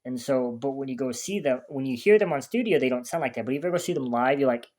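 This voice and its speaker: Hosting a music reaction video, a man talks casually and chattily, rambling and often restarting sentences as he searches for words. His voice is medium-pitched, animated, fast, and a little mellow.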